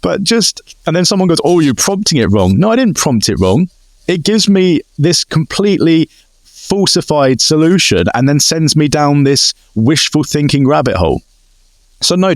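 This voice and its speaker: A man's voice: a little high, moderate pace, dry recording. A man co-hosting a podcast, telling stories in a casual chat and acting out both sides of conversations. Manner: animated storytelling, acts out exchanges. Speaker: podcast co-host.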